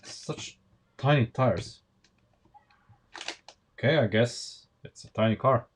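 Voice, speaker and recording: A Slovenian-accented man talks slowly and unhurriedly as he builds a Lego set on a live stream, thinking aloud and restarting his sentences. There is clear background noise and the clatter of keys on the track. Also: medium pitch. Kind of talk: casual live-stream chat while building.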